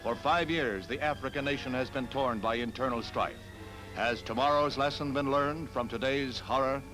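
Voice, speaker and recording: A man's voice: medium pitch, normal speed, rough recording. A man giving grave, dramatic announcer narration for an old 1960s archival newsreel. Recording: narration over loud newsreel music.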